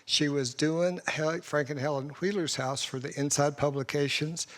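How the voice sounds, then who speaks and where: A man with a somewhat high voice introduces the guest at an art club talk. His delivery is relaxed and conversational, with a few stumbles and restarts. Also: normal speed. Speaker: host introducing the speaker. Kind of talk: casual introduction.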